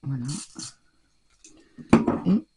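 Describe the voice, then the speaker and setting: Speaking extremely slowly in a dark-toned voice, with a little hiss or hum audible, this craft tutorial host demonstrates a technique while talking straight to viewers. She often restarts her sentences and trails off as she works.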